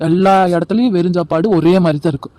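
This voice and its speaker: A scornful, sharp-tongued young daughter-in-law from a homemade cartoon, with a man doing the voice. She talks fast and high. The sound is dry and close. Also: no echo, lightly acted. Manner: scornful, defensive. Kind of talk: amateur cartoon voice acting.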